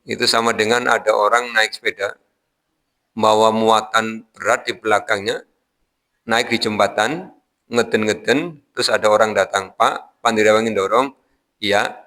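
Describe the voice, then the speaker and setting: A male preacher with a Javanese accent and a bright, forceful tone delivers a morning Quran lecture. He works through Arabic verses phrase by phrase, drops in homely jokes, and turns to address the congregation directly. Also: fairly low pitch, moderate pace, pauses often. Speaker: Islamic preacher.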